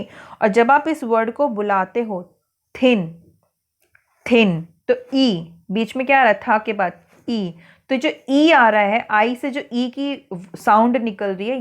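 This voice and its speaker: A woman with an Indian accent teaching an English worksheet lesson to schoolchildren, speaking patiently and spelling words out letter by letter. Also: on the high side.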